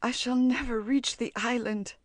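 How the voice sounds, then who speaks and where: A woman's voice: a little high, steady tone, moderate pace, no room sound, studio quality, pitched above the performer's own voice, lightly acted. A woman reading the lines of a brave young princess in a fairy tale audiobook, earnest and a little lifted. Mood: despairing.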